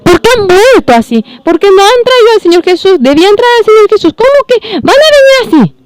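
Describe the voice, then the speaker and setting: Worried sister, scolding and impatient, high rapid questions, done by the preacher. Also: big pitch swings, no echo. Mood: exasperated. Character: anxious sisters scolding returned messengers.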